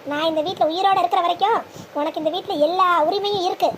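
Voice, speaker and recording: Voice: very high voice, fairly even intonation, fast talker, a little hiss or hum. A performer voicing a domineering mother who heads the family in a cartoon drama and scolds harshly and threateningly. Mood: indignant.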